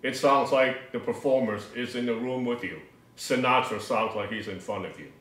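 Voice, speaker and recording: An older man co-hosts an audio hobby show, speaking casually and conversationally from a living room table indoors. His mid-range voice is fairly bright and moves at a moderate pace, captured by a distant mic in an echoey room.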